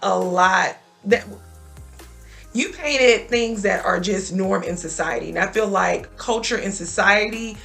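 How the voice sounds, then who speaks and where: Bright, gravelly woman in her thirties. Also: medium pitch, unhurried, faint music behind. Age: 30s. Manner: earnest, personal storytelling. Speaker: guest. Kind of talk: faith talk show conversation.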